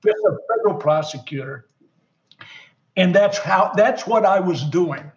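A man's voice: high voice, moderate pace, lo-fi sound. A man guest telling a story in a casual conversation, acting out the voices of other people in it. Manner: animated, acts out quoted dialogue.

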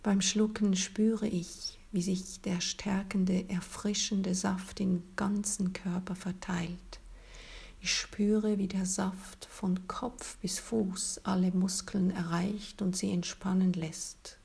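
A woman leading a guided relaxation in a soft, soothing, breathy spa-like whisper, as scripted narration. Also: medium pitch, flat delivery, slow.

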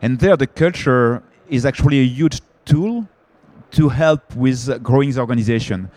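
On a conference panel, a French company founder speaks at normal speed in a medium-pitched, slightly mellow voice with a French accent. He hesitates often, using many fillers and restarts.

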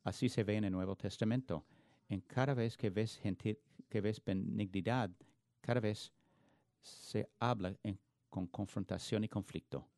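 A man's voice: fairly low pitch, steady tone, a little slow, creaky, darkish tone, no echo. A man preaching a sermon in an earnest, emphatic way, often restarting words mid-phrase. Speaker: pastor.

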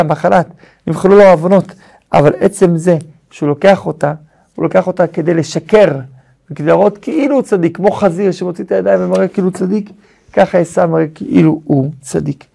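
A rabbi teaches a Torah lesson with a high yet dark voice. He tells the story in a lively way, and a gravelly roughness runs through his speech.

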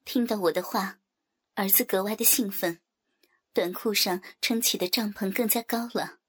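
A woman narrating a story in a soft, breathy, half-whispered voice. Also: mid-range voice, normal speed. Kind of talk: whispered erotic story reading.

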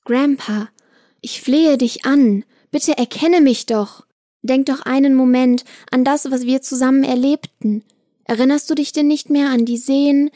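A woman as a high-voiced pleading granddaughter. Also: no room sound, studio quality. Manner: soft, earnest pleading. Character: gentle loving granddaughter, pleading.

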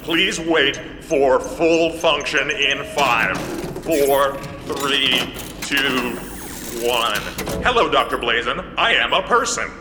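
A man game master voicing a male robot booting up, with a stiff countdown announcement in raised pitch. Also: expressive, slow pace, roomy sound, in a large hall, music in the background. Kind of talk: voicing a character in a tabletop game.

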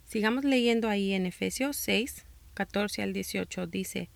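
Her voice is medium-pitched and a bit gravelly as she reads the script for her faith-based parenting podcast, unhurried and measured, going slower for scripture. She's a Mexican-American woman from Texas with a northern border and South Texas accent. The recording is dry and close, free of room sound.

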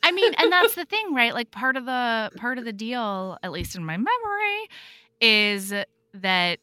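A woman's voice: fairly high pitch, measured pace, no echo, studio quality. A woman guest on a podcast, chatting casually and animatedly, swearing freely as she retells stories. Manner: animated, swears freely, acts out book characters. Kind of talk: casual chat.

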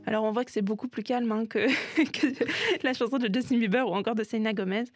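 A woman hosts a music segment, talking in a chatty, explaining tone with quick asides. Her voice sits a little high. The recording is close and dry, with no room sound. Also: fairly even intonation, darkish tone, no echo. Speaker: show host. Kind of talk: presenting a themed music segment.

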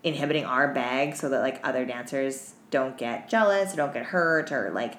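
A woman with an extremely low voice co-hosts a casual podcast at normal speed, tired after being up all night. She chats candidly and jokingly, and the recording has a roomy echo and clear background noise.

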